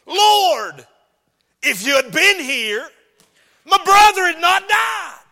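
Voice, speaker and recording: A woman's voice: very high voice, very animated, slow pace, creaky, pitched above the performer's own voice, heavily acted. A man voicing a grieving, impulsive woman who cries out in anger and pleading, in a hall with long reverb. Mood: upset pleading. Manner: raised, shouting outbursts.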